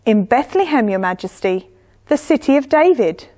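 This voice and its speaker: A woman's voice: a little high, animated, normal speed, mellow, voice pushed up. A woman voicing nervous royal advisors in a story told for children, stammering and timid. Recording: echoey church hall.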